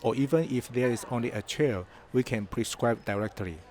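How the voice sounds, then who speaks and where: A man reading an English translation voice-over for an interviewee in a news report, in a measured dubbed delivery. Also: medium pitch, a little mellow.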